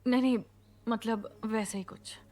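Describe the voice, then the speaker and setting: A woman dubbing a frantic high-voiced young woman. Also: steady tone, normal speed, lightly acted. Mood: anxious. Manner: frantic, shouting, pleading. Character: panicked young woman athlete in trouble. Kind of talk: dubbed drama. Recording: music loud behind the voice.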